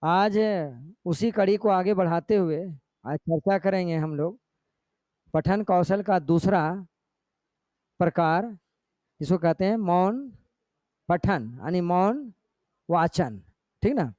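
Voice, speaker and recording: A man's voice: high-pitched, lively intonation, slow, pauses often, darkish tone, dry recording, clean studio sound. A male teacher giving a classroom lecture, explaining step by step and often checking in with his students. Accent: Jharkhand Hindi.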